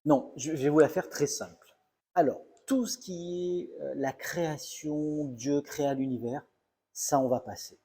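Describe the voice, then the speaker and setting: A man's voice: a little high, a little slow, mellow, slightly rough. A middle-aged male comedian telling a self-mocking story in a mock-serious, playfully exaggerated comic monologue.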